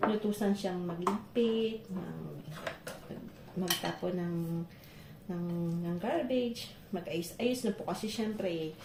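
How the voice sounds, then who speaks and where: In an echoey home kitchen with loud clatter and heavy background noise, a woman from the Philippines makes a casual cooking vlog. She takes it slowly in a lowish voice, chatting and often laughing as she shares stories.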